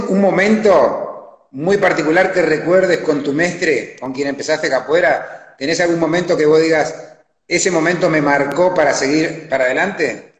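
A man hosting a casual interview, chatty and encouraging. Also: fairly high pitch. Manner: chatty, encouraging, laughs easily. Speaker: interviewer, host. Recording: echoey room with long reverb.

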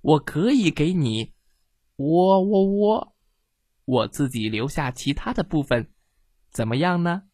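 Storybook rooster , a woman voicing: proud, kindly, loud and firm, dry close sound. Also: sits low, animated, moderate pace, dry recording.

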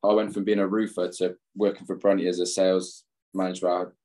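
Low-voiced rambling English man. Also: level tone, fairly quick, dark tone. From England. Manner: rambling, laughs often, self-deprecating. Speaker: interview guest, former footballer. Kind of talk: casual chat.

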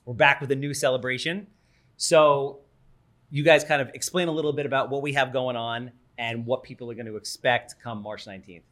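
A man hosts a casual podcast in a mid-pitched voice and talks quickly. His tone is upbeat and promotional as he sets up his guests. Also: fairly even intonation, fairly bright tone. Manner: fast, enthusiastic, promotional. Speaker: podcast host.

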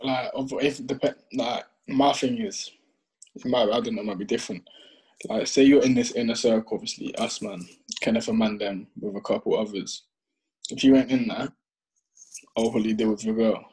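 A man's voice: mid-range voice, steady tone, normal speed, darkish tone, poor audio. A young man with a London roadman accent in casual chat, slangy and repeating phrases for emphasis. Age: young adult.

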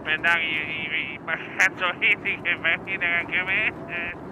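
A man's voice: a little high, fairly even intonation, unhurried, background noise. A man calling in over the phone, rambling and teasing in crude comedic banter. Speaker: caller.

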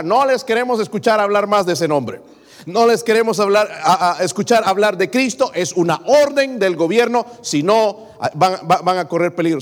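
A man preaching a sermon as pastor, addressing his congregation as brothers and putting questions to them. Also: high-pitched. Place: church. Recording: long reverb of a hall.

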